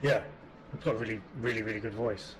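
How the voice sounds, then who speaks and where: A man's voice: fairly low pitch, steady tone, quick pace, noisy background. Easygoing man asking chatty questions. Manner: easygoing, asks questions, repeats words. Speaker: co-host. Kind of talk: casual chat.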